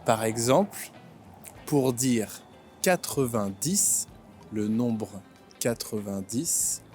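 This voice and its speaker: A man in his twenties from France, hosting a vlog and explaining things simply, with slow, clear speech that repeats and rephrases. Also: medium pitch, warm tone. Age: 20s. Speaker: vlog host and French teacher. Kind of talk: slow comprehensible-input vlog narration. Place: outdoors in a city.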